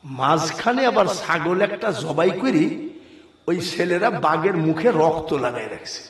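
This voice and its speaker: A male preacher giving a storytelling sermon and fundraising appeal, moving from low, wry asides to loud sung calls to the crowd. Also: lively intonation, unhurried, reverberant.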